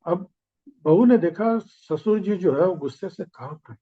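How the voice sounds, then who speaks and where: A man telling a moral tale in a spiritual discourse, in a homely way with pauses, on a slightly muffled recording. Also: sits high, lively intonation, slightly rough. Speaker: spiritual speaker. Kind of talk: storytelling discourse.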